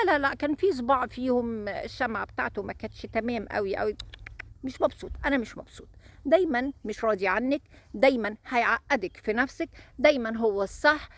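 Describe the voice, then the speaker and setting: Egyptian lady, kinda high voice, preachy marriage advice, says stuff twice for emphasis. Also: dry recording. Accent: Egyptian Arabic. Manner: emphatic, repeats words for stress. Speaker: relationship advice host.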